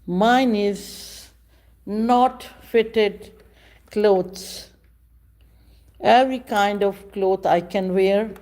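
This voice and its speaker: Slow, halting woman in her fifties. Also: medium pitch, a little mellow. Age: 50s. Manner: slow, halting speech with frequent pauses. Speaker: livestream host. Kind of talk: casual live chat with viewers.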